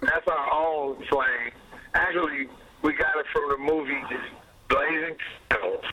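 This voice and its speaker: Brief: male musician guest, very bright voice, lively storyteller who laughs and curses a lot. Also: fairly high pitch, measured pace, a little hiss or hum, rough recording. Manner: animated storyteller, laughs often, swears freely. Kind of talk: casual interview chat.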